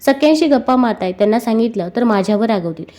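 Woman reader doing a nervous young maid, pleading, highish and mellow. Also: animated, quick pace, natural voice. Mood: fretful. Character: anxious young palace maid, worried about her mistress.

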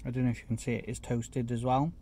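A man reviewing a fast food burger in a chatty, casual vlog, sometimes talking with his mouth full, sitting in a parked car. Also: mid-range voice, flat delivery, dark tone. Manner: chatty, eats while talking, self-deprecating asides. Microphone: phone camera.

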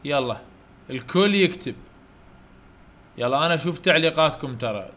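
An Iraqi man teaches young children in an online lesson, his voice sitting a little high for a man. He talks in an encouraging, repetitive way, coaxing the kids to say each letter back and praising them again and again. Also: animated, fairly quick, fairly bright tone. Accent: Iraqi Arabic. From Iraq.

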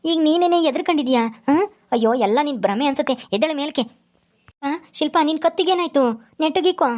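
A woman playing a skeptical father-in-law who brushes off talk of ghosts and scolds briskly in a comic skit. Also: high-pitched, a little mellow, lightly acted. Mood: dismissive.

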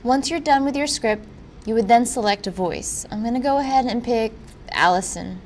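A woman presenting a software tutorial in an informal, instructional way. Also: fairly high pitch, moderate pace, a little hiss or hum. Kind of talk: software walkthrough narration.

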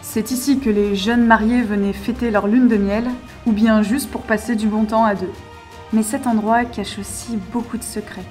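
A young woman vlogging chattily outdoors while exploring an abandoned place, often dropping to a hushed voice. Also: medium pitch, fairly even intonation, normal speed, soft background music. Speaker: urbex vlogger. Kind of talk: casual vlog narration with sponsored segment.

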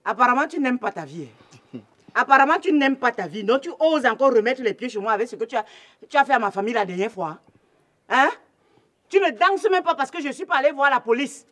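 A woman's voice: high-pitched, lively intonation, brisk, a bit bright. An actress playing a stern mother who scolds an intruder. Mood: scolding. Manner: commanding, scolding. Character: stern mother protecting her household.

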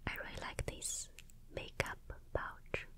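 Slow whispering young woman, ASMR. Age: young adult. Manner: slow, soft, unhurried whispering with pauses. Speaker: ASMR host. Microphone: close studio microphone with foam windscreen.

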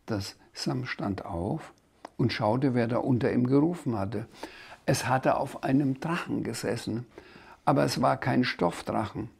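Gravelly man reading a kids' story aloud. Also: medium pitch. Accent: German. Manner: lively, expressive read-aloud, occasional asides. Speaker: author reading his own children's book.

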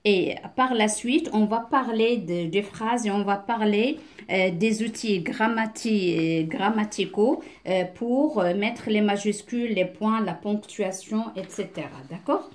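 Woman teacher, unhurried delivery, mid-range pitch, careful reading lesson, hesitant fillers. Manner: slow, deliberate reading with explanations; often restarts words with hesitant fillers.

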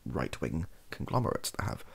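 A British ASMR creator speaks in an extremely low, husky voice heavy with vocal fry, very animated yet soft and hesitant. In a small room at home, he rambles in an improvised way, halting, rephrasing and correcting himself as he goes.

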